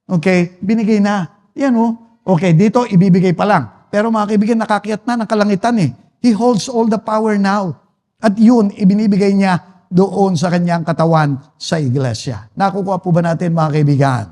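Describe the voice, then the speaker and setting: A male pastor with a Filipino accent preaching a sermon in a church, swinging from soft to forceful emphasis. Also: sits high, normal speed. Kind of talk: Taglish sermon. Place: church sanctuary. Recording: long church-hall reverb.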